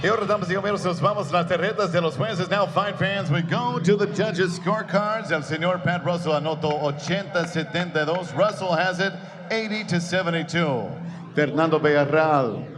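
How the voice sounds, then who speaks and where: A man making bilingual boxing ring announcements in a grand, lucha libre announcer manner. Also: high-pitched. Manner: grand lucha libre-style announcing with drawn-out winner call. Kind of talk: bilingual fight announcing in Spanish and English. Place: boxing venue in a theater. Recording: echoing arena PA, clearly noisy.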